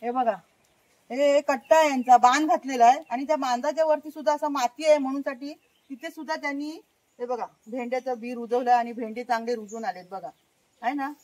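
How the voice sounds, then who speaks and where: A woman's voice: high-pitched, steady tone, a little fast, a little mellow, no room sound, low-quality recording. A woman with a Konkan Marathi accent, casually showing viewers around a village garden outdoors and constantly urging them to look. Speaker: vlogger. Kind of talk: casual walk-and-show garden vlog.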